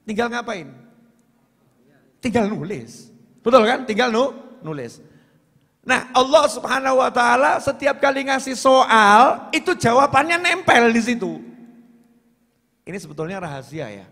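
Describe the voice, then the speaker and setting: A man with a Javanese accent preaching, who swings from loud raised calls to low muttered asides. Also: expressive, unhurried, pauses often. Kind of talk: sermon. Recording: long hall reverb.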